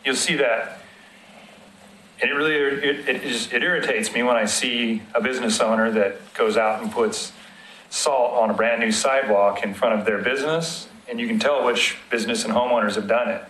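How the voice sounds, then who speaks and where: A man's voice: medium pitch, normal speed, a bit bright, slight background noise. A man from city road maintenance explaining winter operations to a committee in a plain, practical way, using everyday examples. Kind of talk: public committee meeting discussion. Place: council meeting room. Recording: echoey meeting room.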